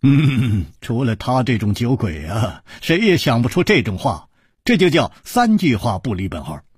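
A man voicing a calm, witty young male hero in radio storytelling, composed and lightly teasing. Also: medium pitch, moderate pace, husky, no echo, studio quality.

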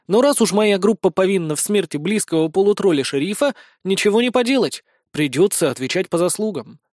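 A man narrating a comic fantasy audiobook in the first person, deadpan and even. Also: sits high, fairly quick, dry recording, clean studio sound.

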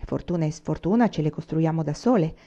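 Woman reading a calm, sensible mother, placid and warm. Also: lowish voice, brisk, highs cut off.

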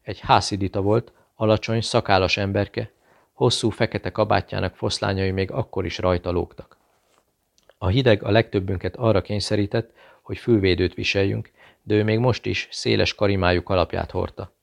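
Deep, gravelly male audiobook narrator. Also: fairly even intonation. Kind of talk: audiobook reading.

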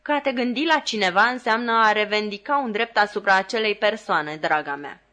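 A woman's voice: mid-range voice, sharp tone, lightly acted. Woman doing a stern, serious lady. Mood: dry. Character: sombre middle-aged lady, dry and stern.

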